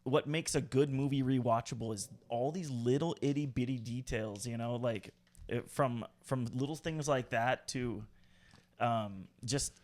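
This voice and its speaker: An easygoing man in casual podcast talk who keeps chiming in to agree. His voice is pitched in a typical middle range. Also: darkish tone. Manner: easygoing, quick agreeing backchannel. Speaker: podcast co-host. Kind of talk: casual chat.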